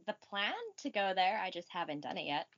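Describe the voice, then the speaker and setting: A woman's voice: on the low side, fairly quick, fairly bright tone. A young woman co-hosting a podcast in a friendly, upbeat, casual way, laughing often. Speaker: podcast co-host. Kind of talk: casual chat. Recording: dull lo-fi podcast audio.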